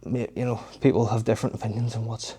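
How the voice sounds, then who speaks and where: A man's voice: mid-range voice, little pitch movement, fast talker, mellow, husky. A young man giving casual, matter-of-fact commentary on his training between weightlifting sets in an informal way. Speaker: fitness vlogger.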